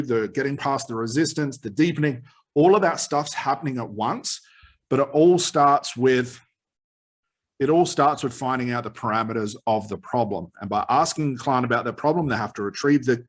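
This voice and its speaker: A man with a slightly husky voice giving an informal, explanatory lesson as a therapy trainer, rephrasing his key points as he goes. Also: mid-range voice. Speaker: hypnotherapist trainer.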